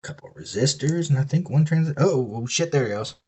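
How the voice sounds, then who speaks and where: A man's voice: a little high, lively intonation, a little fast, a little mellow, slight background noise. A man with a Southern US accent chatting casually and swearing freely while he builds an electronics kit on a live stream.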